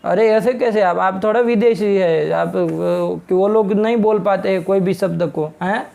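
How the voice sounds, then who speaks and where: Brisk, scolding Sanskrit grammar teacher. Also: male voice, high voice, creaky, darkish tone. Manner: brisk, scolding, presses the student to speak plainly. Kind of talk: online grammar class.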